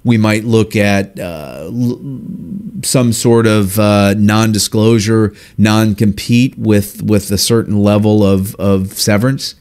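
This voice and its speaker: A man's voice: lowish voice, steady tone, takes it slowly, a little mellow. A man giving a classroom lecture, talking emphatically, repeating words and acting out example lines. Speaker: instructor.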